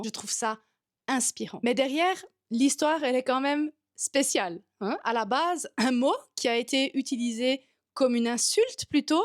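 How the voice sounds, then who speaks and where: A yoga teacher and content coach with a Swiss French accent speaks directly to the camera in a vlog. Her voice is high and bright, her delivery direct, lively and informal. The audio is close and dry, with almost no echo.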